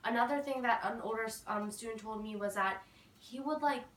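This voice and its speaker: A woman's voice: a little high, fairly quick, a bit bright, roomy sound, recorded from a distance, slight background noise, low-quality recording. A teenage girl chatting casually in a storytime vlog, full of fillers and quoted asides. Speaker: vlogger.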